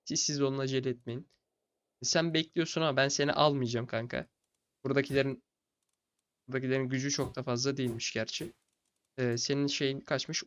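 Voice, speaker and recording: Tired, low-key young male gamer. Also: muffled recording, a little hiss or hum. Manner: relaxed and low-key, talks to game characters as buddies. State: tired, recording late at night. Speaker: gaming channel host. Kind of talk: casual strategy game commentary.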